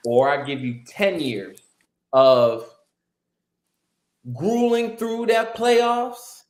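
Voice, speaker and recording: Animated, profane man in an echoey room. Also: sits high, very slow. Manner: animated, profane, joking rants. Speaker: guest. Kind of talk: casual sports podcast chat. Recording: roomy echoey sound.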